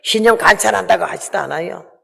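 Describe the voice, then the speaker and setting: Gravelly elderly woman preaching in a hall. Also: fairly low pitch, fast, bright, forceful tone. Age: 80s. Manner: emotional, acts out quoted dialogue. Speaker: missionary. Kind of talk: testimony sermon. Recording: long reverb of a large hall.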